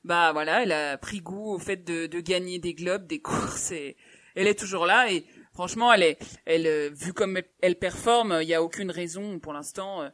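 A woman co-hosting a casual sports podcast, relaxed, her sentences trailing off softly. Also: lowish voice, brisk, dry recording. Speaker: podcast co-host.

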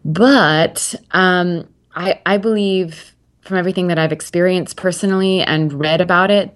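Candid and talkative, this interview guest is a woman in her twenties with a deep voice who rambles along, often restarting and using fillers.

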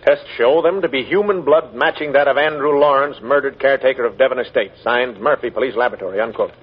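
An actor playing a stubborn, gloating police inspector, blunt and needling, in 1940s radio style. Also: male voice, medium pitch, fast talker, slightly rough, lightly acted. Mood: stern. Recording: muffled, noisy 1940s radio recording.

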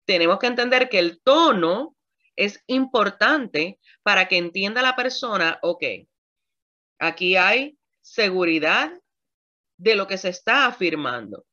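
Animated woman pastor with a bright voice, a bit lo-fi, talks to her congregation directly. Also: mid-range voice, measured pace. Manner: animated, acts out examples with shifting tones; addresses the audience directly, laughs often. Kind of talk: sermon on communication.

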